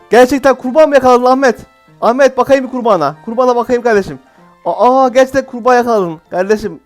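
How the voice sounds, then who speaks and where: A man giving casual, jokey let's-play commentary as a gaming YouTuber, exclaiming often. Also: sits high.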